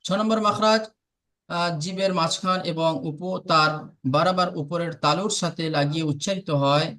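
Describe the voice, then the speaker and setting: A man teaches a lesson. He talks patiently and repeats each sound slowly. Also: on the high side, fairly even intonation, bright, forceful tone. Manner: patient and repetitive, slowly drills sounds aloud. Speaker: Arabic pronunciation teacher. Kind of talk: online lesson.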